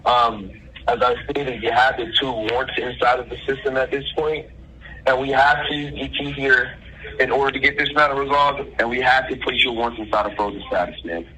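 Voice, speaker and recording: This caller posing as an official uses legal language and formally, insistently addresses the listener as ma'am over a phone line with faint noise. He speaks at a moderate pace in a steady, sharp, medium-pitched voice.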